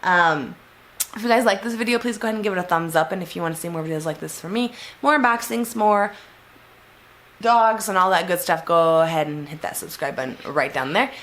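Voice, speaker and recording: A woman's voice: fairly low pitch, fast talker, a bit bright, slight background noise. Nasal young woman reviewing a beauty box. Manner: chatty, with fillers and frank opinions. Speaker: beauty vlogger. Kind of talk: casual subscription box review.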